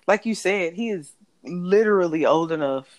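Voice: mid-range voice, expressive, normal speed. A speaker in casual podcast chat who restarts often and swears while working out an opinion.

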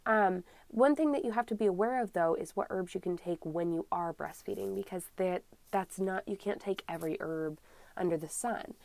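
On her solo herbalist podcast, a young woman fighting a cold speaks in a slightly scratchy, congested voice, chatting and explaining in a friendly way full of ums. Her voice is medium-pitched, gravelly, and a little mellow at a moderate pace, in a dry recording.

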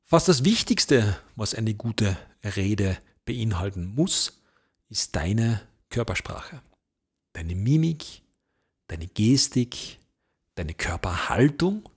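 A man teaching voice technique as an event host, in an emphatic way, slowing down to stress key points. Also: fairly low pitch, very animated, breathy edge. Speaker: event host and speaking coach. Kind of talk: instructional talk on voice technique.

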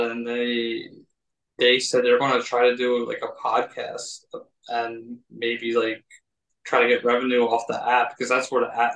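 A man's voice: mid-range voice, fairly bright tone, distant mic. Man interview host, off-mic and echoey. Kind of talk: casual interview chat.

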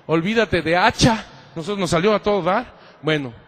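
A man, a priest, preaching with animated stories and a fairly high voice. He hammers phrases through repetition and speaks fondly to his listeners as "mijos." The voice rings with long reverb, as if it fills a large hall. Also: normal speed. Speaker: priest giving a talk. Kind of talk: lively sermon with anecdotes.

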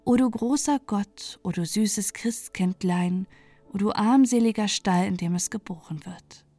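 A woman voicing a choir of angels in a storybook, soft, slow and reverent. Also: fairly high pitch, big-room sound, soft background music, natural voice.

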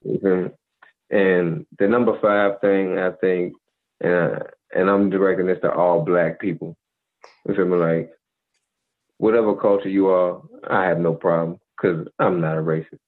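Deep-voiced man lecturing over a tinny line. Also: steady tone, moderate pace. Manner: preachy, repeats "you feel me". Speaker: podcast co-host. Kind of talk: casual advice monologue. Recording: tinny phone-like audio.

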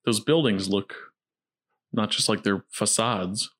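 A man's voice: on the low side, slow pace, a bit bright. Jokey man hosting casual film commentary. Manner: jokey, conversational. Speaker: podcast host.

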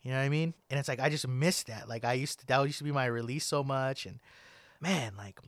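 Here a young podcast host rambles through a casual chat, peppering it with "like" and "man." He speaks in a mid-range voice at a slightly quick pace, with no room sound.

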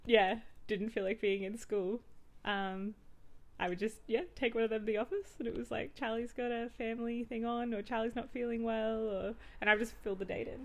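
A woman in her late twenties chatting casually on a podcast, hesitant with many pauses and restarts. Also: fairly high pitch, flat delivery. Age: 20s. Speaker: podcast co-host. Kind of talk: casual chat.

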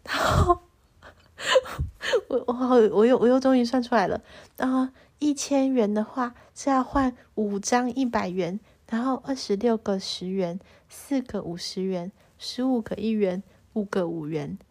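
A young woman with a Taiwanese Mandarin accent tells a personal story to camera in a casual vlog, stammering and restarting as she grows animated and aggrieved. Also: fairly high pitch, normal speed. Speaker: vlogger.

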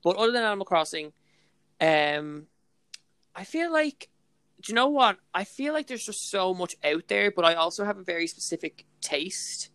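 A woman's voice: mid-range voice, expressive, moderate pace, fairly bright tone, smooth, no echo. Bubbly young Irish woman chatting away. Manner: bubbly, gushing, heavy use of "like" and "literally". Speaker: podcast co-host. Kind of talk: casual chat.

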